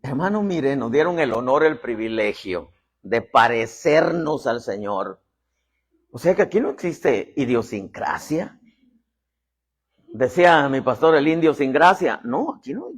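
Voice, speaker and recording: A man's voice: medium pitch, expressive, measured pace, breathy edge. A middle-aged man preaching a sermon in a folksy way, joking and having the congregation repeat phrases. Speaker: apostle preaching.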